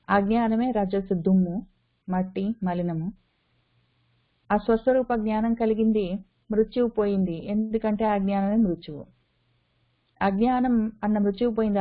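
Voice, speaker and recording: Woman, scripture teacher, repeats phrases for emphasis, mid-pitched voice, thin phone-line sound. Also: fairly even intonation, moderate pace, long pauses. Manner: repeats phrases for emphasis, mixes in English words. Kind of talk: spoken lecture on a Sanskrit text. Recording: tinny phone-line audio.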